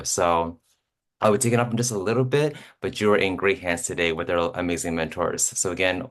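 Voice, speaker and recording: A middle-aged man, a program administrator, giving upbeat, effusive welcoming remarks. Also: low-pitched. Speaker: assistant director of student programs.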